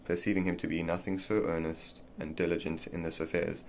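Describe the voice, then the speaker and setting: A man's voice: sits low, flat delivery, brisk, gravelly, slight background noise. A man reading an old essay aloud, often stumbling and repeating words as he goes. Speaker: reader of a classic essay.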